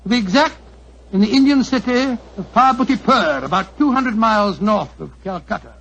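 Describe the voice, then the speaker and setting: An actor playing an elderly, genial English doctor reminiscing in a hesitant, avuncular way in a 1940s radio drama. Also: male voice, high-pitched, expressive, a little fast, creaky, a bit bright, exaggerated voice. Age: older. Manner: avuncular, chuckling, hesitant storyteller. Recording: dull, noisy 1940s radio recording.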